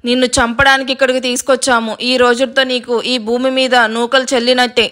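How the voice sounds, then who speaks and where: Woman voicing rough menacing male thugs. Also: fairly high pitch, level tone, brisk, a bit bright, close to an everyday voice. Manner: gruff, threatening.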